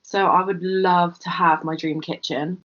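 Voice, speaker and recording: A woman's voice: on the low side, fairly even intonation, unhurried, a bit bright. A young woman from England co-hosting a casual podcast, speaking affectionately and gushing, often searching for the right words. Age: young adult. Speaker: podcast co-host. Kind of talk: casual chat. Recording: muffled lo-fi podcast audio.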